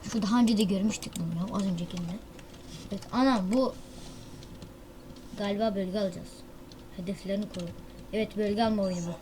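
A woman hosting a gaming channel, giving excitable, slangy live commentary on a mobile shooter with loud outbursts and self-mocking banter. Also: on the high side, slight background noise.

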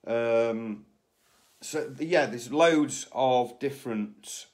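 A man's voice: medium pitch, drawn-out words, a little mellow. A man in his forties, seated indoors, giving casual rambling advice on a live stream, full of fillers and restarts, recorded on a phone at arm's length. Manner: rambling, frequent fillers and restarts, gestures with hands. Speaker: host of a live stream on flipping surplus goods. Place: small indoor room, sitting in an office chair. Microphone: phone camera at arm's length.

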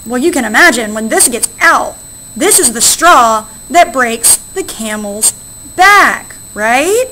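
A fairly high-pitched woman teacher talking a class through a history lesson. She explains patiently and keeps checking understanding with a quick "right?". Her delivery is conversational rather than scripted. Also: expressive, bright, forceful tone, rough recording. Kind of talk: recorded classroom lecture.

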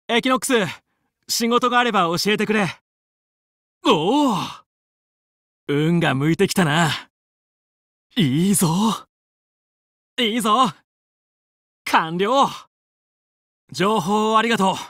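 A man's voice: sits high, sharp tone, dry recording, clean studio sound, full character voice. A male actor playing a confident, heroic young fox who leads a team of space pilots in a video game, with cool, resolute, clipped delivery. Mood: steady, businesslike. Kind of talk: Japanese video game battle voice lines.

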